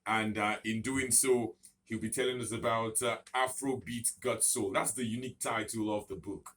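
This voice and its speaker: A man is hosting a morning radio show from the studio. His voice is fairly low, and he speaks in an emphatic presenter's manner, pausing often on fillers. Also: fairly even intonation, a bit bright. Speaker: radio host. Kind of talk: radio interview.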